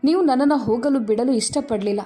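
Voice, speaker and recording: A woman voicing a solemn male judge who speaks in a grave, measured way. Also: high-pitched, dark tone, faint music behind, natural voice. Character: grown man, a solemn judge.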